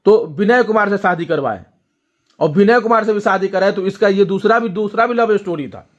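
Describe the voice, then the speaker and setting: A man's voice: high-pitched, a little fast, muffled recording. A young man, a vlogger, telling viewers a family story in casual talk, often checking in with them as he goes. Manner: storytelling, addresses viewers directly with frequent "ठीक है?".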